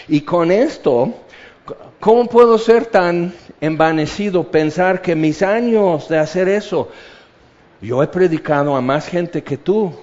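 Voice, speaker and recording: A man preaching a sermon with passion, moving from loud emphatic lines to hushed intensity, full of repetition and rhetorical questions. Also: fairly high pitch. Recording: dull lo-fi sermon recording.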